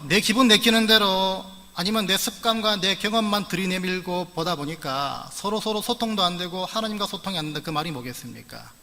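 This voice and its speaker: A man's voice: sits high, sharp tone. A middle-aged man from the Gyeongsang region of Korea preaching a sermon as pastor, earnest with humorous asides. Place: church sanctuary. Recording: long church-hall reverb.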